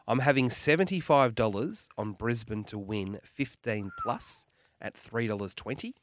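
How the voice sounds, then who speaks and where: A man's voice: medium pitch, animated, measured pace, slight background noise. A man with an Australian accent giving casual betting analysis as a podcast panellist.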